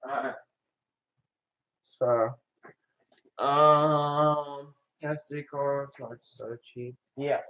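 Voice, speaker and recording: The recording is dull and lo-fi. A man talks casually at a middle pitch, rambling and hesitating as he thinks aloud. His delivery is unscripted and conversational. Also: fairly even intonation, extremely slow, long pauses, pushed and bright, clear, resonant tone. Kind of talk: casual chat. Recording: dull lo-fi sound.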